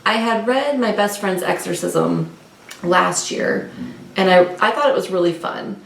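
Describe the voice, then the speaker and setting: With a medium pitch, lively intonation, measured pace and vocal fry, this woman co-hosts a book vlog. Her unscripted book chat is casual and rambling, with frequent self-corrections, captured in a roomy space by a distant mic with faint noise.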